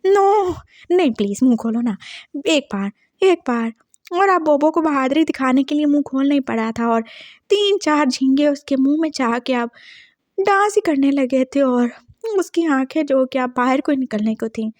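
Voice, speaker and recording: A woman retells a drama story in a chatty, playful way with a high voice. The sound is dry and close to the mic, with no room around it. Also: moderate pace, dry recording. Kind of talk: casual drama story narration.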